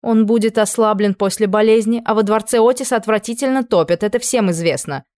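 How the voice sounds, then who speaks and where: A woman's voice: mid-range voice, fairly quick, darkish tone, no room sound, clean studio sound, pitched above the performer's own voice, close to an everyday voice. A woman voicing a commanding, doting queen who schemes with her husband, speaking firm and clipped.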